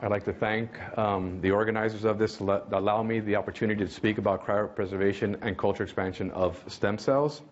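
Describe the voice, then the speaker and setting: A man opening a conference lecture in a quick, friendly way, with small stumbles. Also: lowish voice, little pitch movement. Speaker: conference speaker. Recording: dull lo-fi sound, faint noise.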